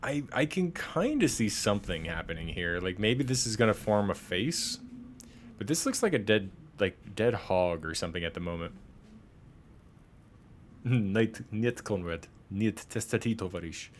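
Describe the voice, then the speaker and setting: A man's voice: on the low side, very animated, moderate pace, slight background noise. A young man casually commenting on a game he plays, joking and rambling to viewers. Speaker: gaming streamer. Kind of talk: casual let's-play commentary.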